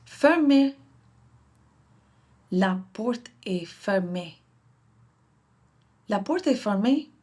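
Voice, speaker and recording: A woman's voice: medium pitch, animated, extremely slow, pauses often, a little mellow. A woman hosting her own channel, practicing French phrases aloud, repeating each one carefully and correcting herself; French is not her first language. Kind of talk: slow pronunciation practice.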